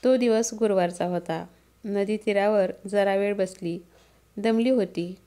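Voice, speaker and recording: A woman with a Marathi accent narrating a devotional vow story in a steady, recited storytelling manner. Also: mid-range voice, a little slow, clear, resonant tone.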